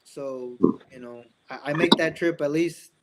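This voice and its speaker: A young man with a fairly high voice and an American accent speaks unhurriedly as an interview guest, acting out bits of dialogue while telling stories. Born in Mexico and raised in Indiana, United States, he is heard on a very noisy recording.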